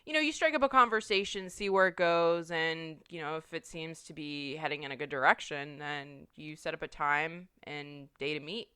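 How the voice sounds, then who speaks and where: A young woman with a very low yet bright, crisp voice, co-hosting a podcast in loose, rambling chat full of filler words. The recording is dry and close. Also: normal speed, few pauses, no room sound. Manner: rambling, full of "like" and "you know". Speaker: podcast co-host. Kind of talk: casual chat.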